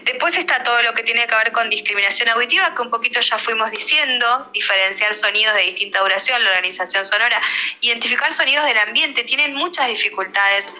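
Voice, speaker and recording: A woman's voice: a little high, fast, pushed and bright. A woman giving a speech therapy lecture in a teacherly way, often checking in with her listeners. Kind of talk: online lecture with slides. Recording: roomy echo.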